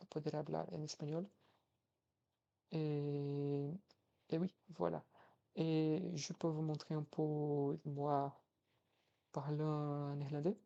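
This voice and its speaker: A 21-year-old man from Brazil, accented in Brazilian Portuguese, vlogs casually as he practices foreign languages, talking hesitantly with lots of fillers and restarts. His fairly high voice is gravelly and mellow, and the audio is dull.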